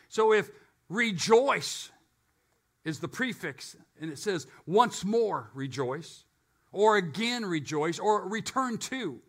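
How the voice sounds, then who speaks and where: A man preaching a live sermon to a congregation, swinging from loud and emphatic to quiet and low, with joking asides. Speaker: pastor.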